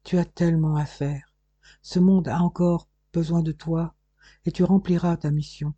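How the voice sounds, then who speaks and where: A loving woman reassures her partner as she says goodbye, voiced by a male audiobook reader. The tone is dark and mellow with some huskiness. The recording is close and dry. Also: a little high, flat delivery, normal speed, no room sound, dull audio, lightly acted. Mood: tender. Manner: tender, reassuring.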